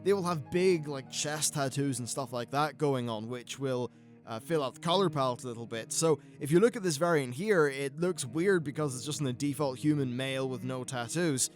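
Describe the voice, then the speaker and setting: A man's voice: medium pitch, normal speed, faint music behind. A man with a British accent giving casual, conversational and opinionated commentary as a gaming video host.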